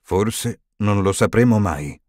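A man voicing an old wise male wizard in an audiobook, speaking gravely and firmly. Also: on the low side, expressive, a little mellow, no echo, clean studio sound. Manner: slow, grave and firm.

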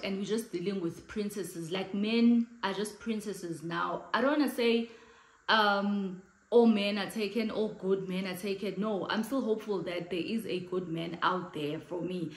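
A South African vlogger in her late thirties, with a big voice, chats to camera in front of the sofa in her living room. She talks with animated hand gestures and mixes in Xhosa phrases. Her medium-pitched voice moves at normal speed, and the low-quality recording is reverberant.

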